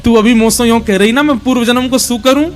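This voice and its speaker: A man's voice: extremely high pitch, steady tone, quick pace, a little mellow. A man voicing the playful, mischievous child Krishna in a Braj accent, with a pleading, childlike sing-song.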